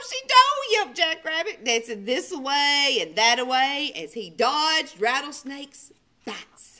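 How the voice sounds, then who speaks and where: A woman who works as a librarian storyteller narrates a children's storybook in an animated way. Her delivery is unhurried, bright and theatrical, highly expressive and emphatic, with hushed dramatic drops.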